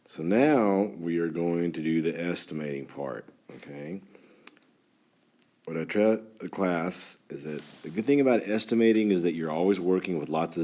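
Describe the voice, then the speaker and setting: Speaking in a very low, slightly mellow voice with a clear West Texas twang, a man gives an informal math lesson like a schoolteacher addressing a class of children. His folksy delivery explains things step by step.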